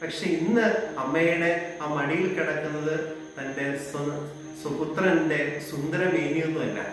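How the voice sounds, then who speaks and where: Slow, gentle-voiced man preaching in an echoey space. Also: a little high. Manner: slow, gentle devotional address. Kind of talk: devotional sermon with sung hymn. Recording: echoey, distant, with music behind.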